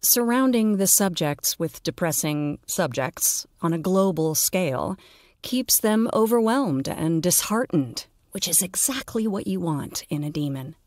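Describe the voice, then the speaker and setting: A woman's voice: fairly low pitch, darkish tone, no room sound. A woman narrating a scripted audio story with wry, playful asides.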